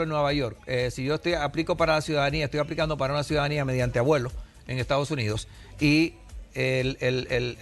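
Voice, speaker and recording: A man in his sixties from Puerto Rico explains immigration rules as a TV guest, patient and example-driven. His voice sits a little high for a man. Soft music plays faintly behind him. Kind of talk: explanatory TV interview.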